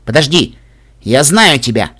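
A man's voice: medium pitch, sing-song, measured pace, pushed and bright, exaggerated voice. A man voicing a haughty female griffin commander who speaks sharply and dismissively.

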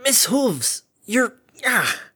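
A man's voice: sits high, very animated, slow pace, breathy edge, dry recording, studio quality, voice pushed up, exaggerated voice. A man doing a brash, scrappy mare pony. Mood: frantic, exasperated. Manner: loud, sarcastic, cursing mildly. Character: brash, scrappy adult female pegasus pony.

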